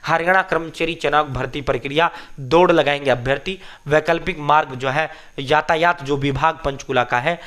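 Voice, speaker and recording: A man speaks in a fairly high voice. He pushes his points hard and circles back to them again and again, calling out to viewers as brothers while he gives exam updates and sells study notes. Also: normal speed, few pauses, fairly bright tone. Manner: emphatic, repetitive, addresses viewers as brothers. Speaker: coaching channel host. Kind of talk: exam news and sales pitch.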